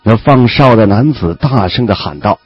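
Brief: male audiobook narrator, low and husky, lively and animated delivery; muffled lo-fi track with faint music. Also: moderate pace, no room sound. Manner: expressive storytelling with lively pitch.

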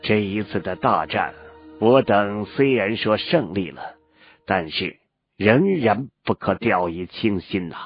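A man voicing a silver-haired old male sect elder who speaks in a measured, modest way. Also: on the low side, lively intonation. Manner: measured, humble then stern. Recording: lo-fi with faint music.

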